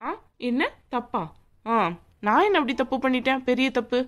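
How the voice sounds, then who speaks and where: A woman voicing a haughty young bride in a cartoon, sharp and sneering as she bosses others around. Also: sits high, expressive, moderate pace. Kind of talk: cartoon voice acting.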